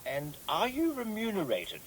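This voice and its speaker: Fussy male govt inspector, kinda high voice, swoops up and down a lot, faint hiss. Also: wildly swooping pitch, moderate pace, slightly rough, full character voice, poor audio. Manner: pompous, prying, sing-song emphasis. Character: prim officious male government inspector. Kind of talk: radio comedy sketch.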